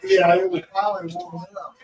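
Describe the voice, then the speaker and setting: A man chatting casually on a live stream, his voice coming through a phone with loud feedback interference. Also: high-pitched, little pitch movement, moderate pace, a crowd in the background. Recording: distant phone pickup buried in loud noise.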